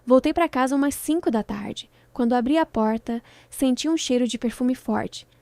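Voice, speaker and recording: A woman narrating a scripted first-person story with a dramatic, measured delivery in short phrases. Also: sits high, dark tone, no room sound.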